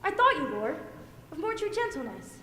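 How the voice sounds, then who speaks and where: A woman's voice: extremely high pitch, sing-song, normal speed, pushed and bright, slight background noise, exaggerated voice. A teenage girl playing a scorned, lovesick young woman in a school stage play, pleading in earnest, heard from a distant mic in an echoey hall. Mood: wounded. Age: teens. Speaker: student actor. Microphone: distant room mic.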